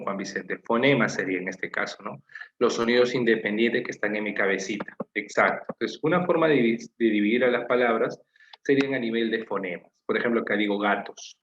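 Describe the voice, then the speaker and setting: A man's voice: lowish voice, a little fast, fairly bright tone, echoey room, dull audio. A man with a Peruvian Spanish accent teaching an online class, patiently explaining and asking his students questions. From Peru.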